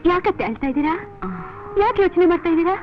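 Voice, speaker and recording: An actress playing a gentle young wife who softly consoles her mother-in-law. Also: extremely high pitch, expressive, quick pace. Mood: consoling. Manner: soft, consoling. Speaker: daughter-in-law. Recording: dull old film soundtrack with music.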